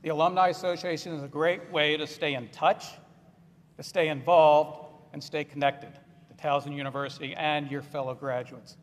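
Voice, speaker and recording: A man's voice: a little high, steady tone, moderate pace. A man in his sixties speaks for the alumni association at a graduation, plain and conversational with a touch of self-deprecation. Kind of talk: commencement address. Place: large ceremony hall. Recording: echoey hall.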